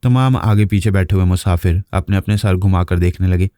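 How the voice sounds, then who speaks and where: Low, mellow male storyteller. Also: fairly quick, no echo, clean studio sound. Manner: steady, even storytelling. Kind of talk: novel narration.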